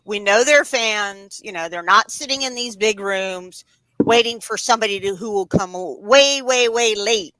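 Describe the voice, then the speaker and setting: A woman's voice: mid-range voice, a little slow, fairly bright tone, no echo, rough recording. A woman co-hosting an interview, enthusiastic and gushing about guests. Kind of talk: casual interview chat.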